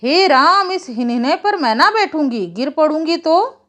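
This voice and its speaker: A woman's voice: high-pitched, sing-song, a little slow, fairly bright tone, heavily acted. A woman voicing a sly female fox who coaxes villagers in a sing-song rhyme. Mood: fussy. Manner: sing-song rhyming wheedle, sweet and coaxing. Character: sly female fox, smooth-talking trickster.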